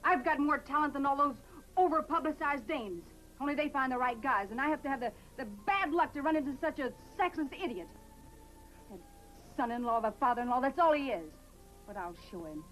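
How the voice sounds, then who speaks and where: An actress playing a bitter, resentful young actress in a 1950s film, muttering angrily. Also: female voice, sits high, animated, brisk, a bit bright, faint music behind, rough recording. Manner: angry, sulky muttering. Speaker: aspiring actress. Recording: faint noise of a 1950s film soundtrack.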